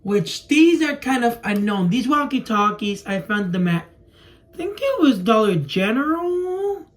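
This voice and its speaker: In a small room indoors at home, a young adult toy video creator who speaks Spanish natively rambles casually while showing something to camera. His voice is very high, with big pitch swings and a measured pace. Clear background noise and clicking come through.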